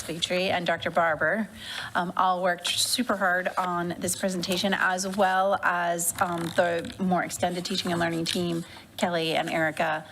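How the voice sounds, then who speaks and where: A woman's voice: fairly low pitch, a bit bright, a little hiss or hum, low-quality recording. A woman administrator speaking at a school board meeting, friendly, with frequent "um"s. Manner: friendly, uses "um" often. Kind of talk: meeting remarks.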